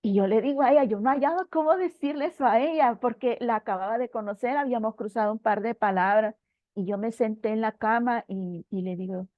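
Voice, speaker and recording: A woman's voice: fairly high pitch, fairly quick, no echo. Earnest woman telling a church testimony. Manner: earnest, emotional storytelling addressed to a brother. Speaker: church sister giving testimony. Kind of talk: personal spiritual testimony. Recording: dull, dry, slightly lo-fi recording.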